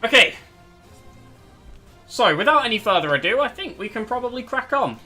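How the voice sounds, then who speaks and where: Hosting a live stream, a young man rambles casually, chats, corrects himself, and his voice cracks as he loses it. His voice is very high and sing-song, pushed and bright, at a moderate pace. Faint music plays in the background.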